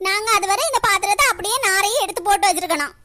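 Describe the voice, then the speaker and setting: A woman's voice: extremely high pitch, fast, bright, forceful tone. A woman voicing a quarrelsome old mother-in-law in a cartoon, scolding and sarcastic, slipping into self-pitying complaint. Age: older. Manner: scolding, sarcastic, breaks into crying. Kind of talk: cartoon comedy voice acting.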